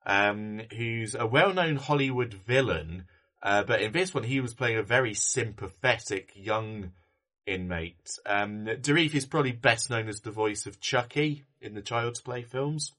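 A man's voice: mid-range voice, measured pace, pushed and bright. A man co-hosting a casual film podcast, rambling with fillers and restarts. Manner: rambling, many ums and restarts. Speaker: podcast co-host.

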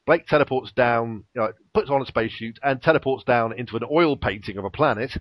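This is a brisk, medium-pitched man on a dry recording with the highs cut off. As a podcast co-host, he casually recaps a TV episode's plot in a rambling way, full of fillers and little chuckles.

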